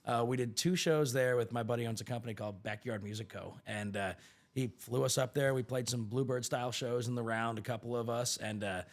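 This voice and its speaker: A man's voice: medium pitch, a little fast. A young man, a singer-songwriter guest, telling stories in a casual interview and acting out other people's voices. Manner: animated storyteller who acts out others' voices.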